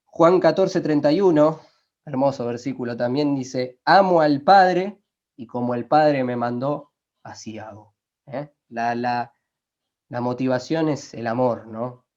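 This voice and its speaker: A man preaching a sermon, emphatic, slowing down to quote scripture and asking his listeners rhetorical questions. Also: fairly high pitch, a little mellow. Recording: dull lo-fi recording.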